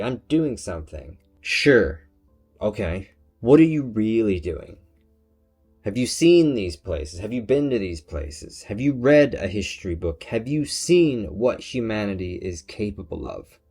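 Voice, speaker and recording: A man with a very low voice hosts his own channel in a passionate solo commentary. He talks emphatically and preachily, firing off rhetorical questions at his viewers. Faint music plays quietly behind him. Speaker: channel host.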